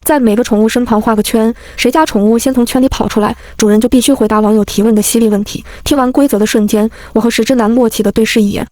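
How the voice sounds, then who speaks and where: A woman narrating a first-person story in a lively, wry, comic manner. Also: fairly high pitch, fast, few pauses, no echo.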